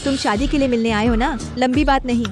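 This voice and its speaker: A woman voices a haughty young heiress with a high, clear pitch, speaking curtly and coldly. Loud music plays behind the dubbed dialogue. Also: steady tone, brisk, lightly acted. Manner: cold, curt, commanding. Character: proud young female CEO heiress. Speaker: female lead. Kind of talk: Hindi dubbed short drama.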